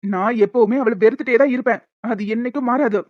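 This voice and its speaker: A woman voicing a hot-tempered young cartoon man who scolds in a rush, his voice rather high for a man. The sound is dull, dry and lo-fi. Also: no room sound, close to an everyday voice. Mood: scolding. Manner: scolding, fast. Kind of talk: cartoon dialogue.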